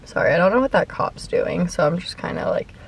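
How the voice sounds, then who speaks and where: A woman's voice: lowish voice, big pitch swings, fairly quick, gravelly, husky. Chatty young woman vlogging a mukbang. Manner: chatty, heavy use of "like", talks between bites. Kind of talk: casual storytime while eating. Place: parked car in a parking lot.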